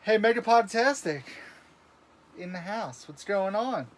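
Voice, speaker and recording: A man's voice: sits high, lively intonation, a little slow, slight background noise. A man in his thirties co-hosting a casual livestream, easygoing as he reads and greets viewers in chat. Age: 30s. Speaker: livestream co-host reading chat.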